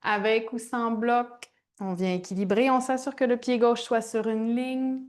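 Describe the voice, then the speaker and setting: A woman yoga instructor with a fairly high voice. She speaks very slowly, leaving pauses between short, gentle cues. Her delivery is informal and calm-paced, as if moving through each posture along with the class.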